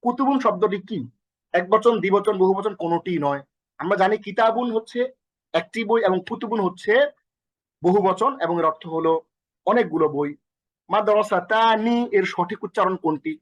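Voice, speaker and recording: A man's voice: sits high, brisk, no echo. A man teaching a recorded Arabic lesson with energy, often repeating himself and quizzing the listener, with a Bangladeshi accent.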